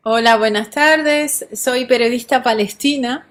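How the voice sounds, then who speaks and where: Earnest woman on a video call. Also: fairly high pitch. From Syria. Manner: earnest, measured, with hesitations. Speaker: interview guest, journalist. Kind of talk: live video-call interview.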